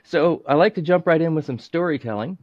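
A male podcast host asking questions calmly and reading his show intro, on a dull lo-fi recording. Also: fairly high pitch, brisk, no room sound. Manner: calm, brief listening murmurs. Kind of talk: interview and scripted intro.

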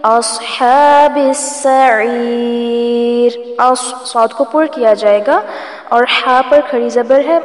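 A woman teaching tajweed, who chants words slowly and melodically and then explains each rule quickly. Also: a little high. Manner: alternates drawn-out melodic recitation with brisk explaining. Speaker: Quran recitation teacher. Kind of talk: tajweed lesson, slow recitation with quick explanations. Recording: echoey room with long reverb and faint music.

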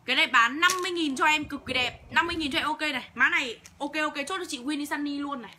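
Talking very fast in a high voice over a noisy background, a young woman sells clothing on a livestream. Her pitch is blunt, and she curses heavily as she hawks.

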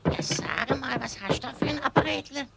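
A woman's voice: high voice, fairly quick, gravelly, heavy background noise. A woman playing a kindly but firm old country grandmother in a cartoon, with a Swabian accent. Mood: friendly. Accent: Swabian German. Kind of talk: animated film dialogue.

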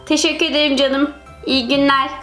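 A woman's voice: high voice, little pitch movement, a little fast, fairly bright tone, reverberant, faint music behind, voice pushed down. A woman voicing a friendly adult ice cream seller who calls children dear, in a mobile game role-play. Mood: kindly.

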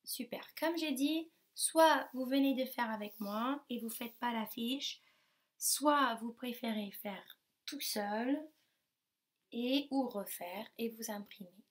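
A woman teaching young children a remote lesson, slowly sounding out syllables and cheering them on. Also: fairly high pitch. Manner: slow, carefully sounds out syllables, encouraging. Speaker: primary school teacher.

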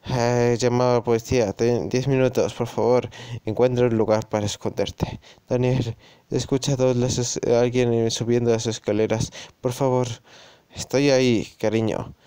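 A man with a Spain Spanish accent and a warm, mellow, smooth voice, recorded dry and close. He reads game lines in halting English, turns them into Spanish, and mutters casual reactions in between. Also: medium pitch, level tone, no echo. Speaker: gaming YouTuber. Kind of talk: let's play, reading game text aloud.

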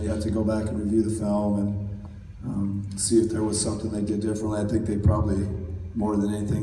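A middle-aged man, a basketball coach, giving measured postgame press conference answers with many fillers, heard from across a press room. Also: on the low side. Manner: measured, steady, many "you know" fillers. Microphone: table mic, recorded from far in the audience. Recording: roomy, distant, faint hall noise.

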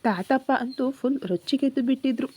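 A simple-minded young man in an audio story, childish and easily brought to tears, as a woman narrator puts him on. He talks in a whiny, childlike way, and his voice is pitched fairly high. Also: brisk, darkish tone, slightly rough.

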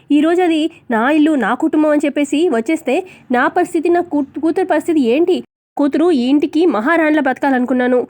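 A woman's voice: high-pitched, a little mellow, lightly acted. A woman voicing a scheming, jealous middle-aged stepmother who complains and defends herself.

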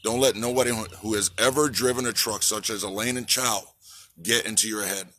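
A man in his forties gives a fiery outdoor protest speech with a bright, forceful, slightly low voice. He repeats slogans and calls on the crowd to answer. A phone at arm's length catches him, with faint outdoor noise behind. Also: steady tone, fairly quick. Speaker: trucker activist. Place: outdoors on a city sidewalk by a park. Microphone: phone held at arm's length.

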